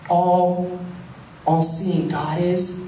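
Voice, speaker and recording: A young man preaching a sermon on a handheld mic, animated, swinging from loud to hushed. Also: high-pitched, very slow. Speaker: pastor. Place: large church hall with stage. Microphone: handheld mic, filmed from the pews. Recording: echoey hall, far camera, faint hum.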